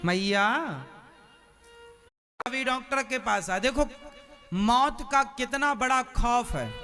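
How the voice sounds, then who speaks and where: High bright-voiced male preacher. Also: lively intonation, slow pace, faint music behind. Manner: asks the audience questions, tells a story. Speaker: spiritual preacher. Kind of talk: sermon with storytelling.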